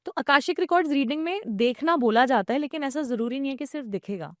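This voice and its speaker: A woman's voice: high-pitched, lively intonation, fast, no room sound, studio quality. Fluent woman explaining at length. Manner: explains at length, mixing English phrases into Hindi. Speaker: Akashic record reader, podcast guest. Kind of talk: explanatory podcast talk.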